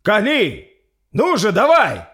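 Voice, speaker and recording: A man's voice: mid-range voice, sing-song, fairly quick, voice pushed up. A man voicing a stern, grim male captain who gives harsh commands in an audiobook story. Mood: yelling.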